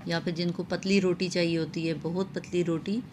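Woman, low voice, flat steady delivery, cooking tutorial, faint background hiss. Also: moderate pace. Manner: calm, explanatory, with frequent filler sounds. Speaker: cooking channel host. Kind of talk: home cooking tutorial voice-over.

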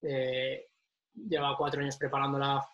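A man's voice: mid-range voice, level tone, moderate pace, a bit bright, muffled recording. Emotional man recalling his exam. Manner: emotional, laughing storyteller. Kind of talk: casual chat.

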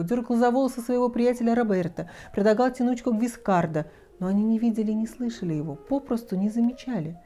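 Warm expressive woman storyteller. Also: medium pitch. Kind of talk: children's fairy tale reading.

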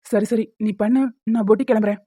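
A woman voicing a young cartoon husband who bickers and protests loudly. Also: mid-range voice, fairly even intonation, fast talker, breathy edge, dry recording, close to an everyday voice. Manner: loud protesting outbursts. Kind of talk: Tamil cartoon dubbing. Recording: tinny phone-like, dry.

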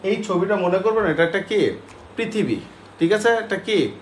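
A man's voice: sits high, lively intonation, normal speed, slight background noise. A male English teacher, giving a classroom lecture and drilling students with repeated questions. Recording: echoey classroom with faint ambience.

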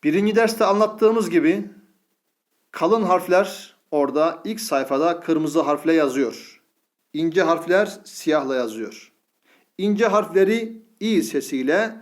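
A male teacher leads a step-by-step reading lesson. He speaks slowly and patiently in a slightly high voice. He breaks each word into single syllables. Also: expressive. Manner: patient, spells out syllables one by one.

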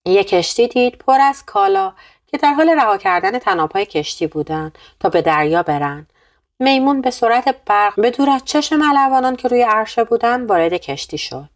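A woman narrating a bedtime story in a calm, steady storytelling manner. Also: a little high.

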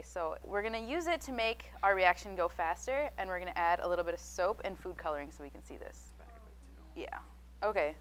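A woman's voice: mid-range voice, a little hiss or hum. A young woman demonstrating chemistry to schoolchildren, giving friendly step-by-step explanations on a studio stage. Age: young adult. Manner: friendly, clear, step-by-step instructions. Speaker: science demonstrator. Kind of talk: explaining a chemistry demo to children. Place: TV studio stage with a child audience.

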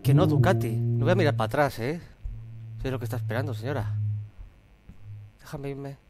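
A man's voice: mid-range voice, fairly even intonation, fairly quick. A young man with a Spain Spanish accent commenting on a horror game as he plays, swearing and talking back to the game. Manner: jumpy, swearing, talks to the game. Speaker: gaming youtuber.

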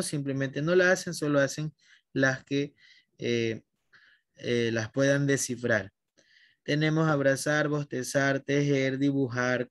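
A man's voice: medium pitch, dry recording, studio quality. A man teaching a language class online, patiently guiding his students by name.

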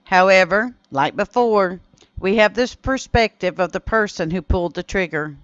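A woman giving scripted documentary narration in a steady, measured reading style, quoting old newspaper sources. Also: mid-range voice, no echo, lo-fi sound. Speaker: history channel narrator.

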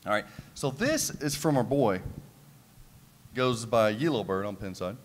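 A man hosting a live panel at a convention, playful and lively as he quizzes his co-hosts and the audience. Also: fairly low pitch, unhurried, a little hiss or hum. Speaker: podcast host running a live panel. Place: convention panel room, large hall. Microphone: table mic on a stand. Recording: hall reverb from a convention room.

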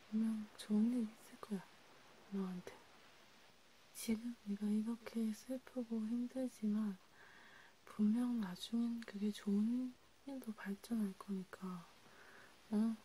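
A woman in a whispered role-play, comforting a friend softly and soothingly, slipping between a quiet voice and a whisper. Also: on the high side, fairly even intonation, takes it slowly, pauses often, a little hiss or hum, low-quality recording. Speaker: ASMR creator.

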